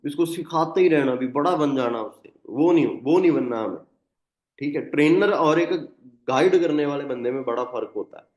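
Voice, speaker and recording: A man leads a sales training session, speaking loudly in a chatty, coaching manner and pausing often to check that his listeners follow. His voice comes through a muffled, lo-fi line. It also carries a roomy, echoing sound. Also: a little high. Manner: conversational, leans on tag questions. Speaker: network marketing trainer. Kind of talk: motivational training talk. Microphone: phone or online call.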